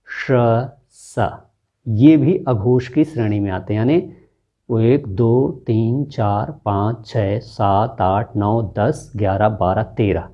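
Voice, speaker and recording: Male teacher, slow and deliberate, sounds out syllables, middle pitch, dull lo-fi recording. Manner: slow, deliberate, repeats syllables aloud for demonstration. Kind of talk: classroom-style lesson.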